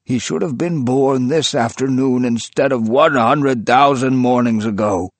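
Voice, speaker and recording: A man plays a feverish, imperious old book collector, speaking with fierce, rapturous command, pitched higher and louder than his narration. The mood is fervent, and the recording is unhurried and dry.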